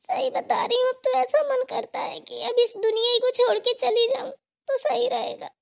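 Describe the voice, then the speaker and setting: A woman's voice: very high-pitched, level tone, normal speed, creaky, exaggerated voice. A woman voicing an emotional young married woman, a tearful and self-pitying sister, in a cartoon. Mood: despairing. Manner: pleading, lamenting. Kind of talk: cartoon voice acting.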